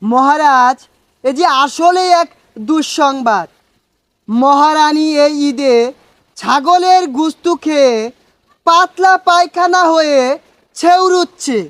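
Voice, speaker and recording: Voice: sits high, slow, pauses often, a bit bright, no room sound. An actor playing a fawning male minister in a comic skit, speaking. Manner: fawning, says 'Maharaj' again and again.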